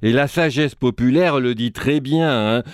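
A man's voice: mid-range voice, a little slow, clear, resonant tone, no echo, clean studio sound. A man giving reflective spoken commentary in a professorial manner, tagging his phrases with little asides and playing on words. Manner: professorial, tags phrases with "hein" and "vous voyez"; fond of wordplay and quotations. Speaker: commentator on a broadcast series.

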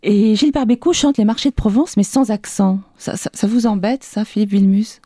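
A woman hosting a radio interview, asking steady questions and murmuring agreement. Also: mid-range voice, moderate pace, no echo, clean studio sound. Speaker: radio host. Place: radio studio.

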